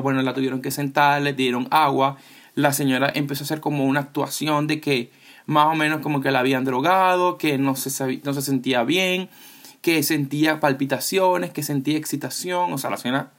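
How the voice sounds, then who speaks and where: A man telling a funny anecdote in a casual, amused, chatty way. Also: on the high side. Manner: chatty, amused, acts out the people in his story. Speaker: podcast storyteller.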